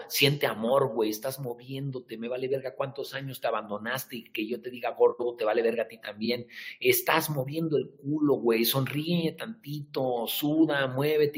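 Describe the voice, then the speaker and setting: Man, Mexican accent, fitness motivator, crude and blunt, hushed one moment, yelling the next. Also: medium pitch. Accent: Mexican Spanish. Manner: profane, blunt, shifts from hushed to shouting. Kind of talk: motivational rant to camera.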